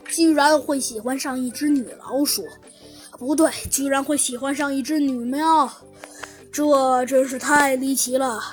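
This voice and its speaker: Give me a sighing, worried wolf gentleman in a children's audio story, as a woman puts him on, halting and high-pitched. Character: worried male wolf elder recounting troubles.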